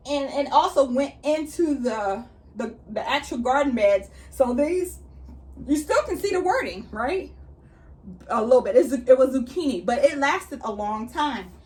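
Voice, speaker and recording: A woman talks through her backyard gardening in a casual, chatty way, explaining every step as she goes. Her voice sits on the higher side. The mic is placed a little away from her. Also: lively intonation, measured pace. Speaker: gardening vlogger. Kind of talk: casual how-to chat while working. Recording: slightly distant mic.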